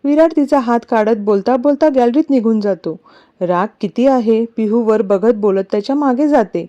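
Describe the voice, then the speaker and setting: A woman narrating a romantic story in an even storytelling manner. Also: on the high side, brisk. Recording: dull lo-fi recording.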